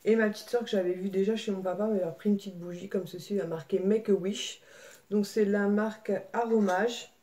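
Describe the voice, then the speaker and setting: A woman's voice: mid-range voice, steady tone, a little fast, warm tone. Chatty woman vlogger. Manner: chatty, many fillers, coughs and throat clearing. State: slight throat irritation. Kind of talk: casual haul vlog. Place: home.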